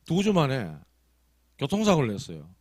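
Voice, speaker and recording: Storytelling Korean pastor with lively pitch. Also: male voice, normal speed, dry recording. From South Korea. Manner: storytelling, conversational with rising emphasis. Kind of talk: sermon. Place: church sanctuary.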